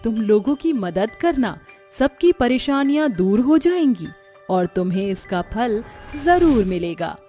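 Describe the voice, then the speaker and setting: A woman voicing a benevolent goddess who speaks in a slow, measured, reassuring way, over faint music. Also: a little high, very animated, mellow.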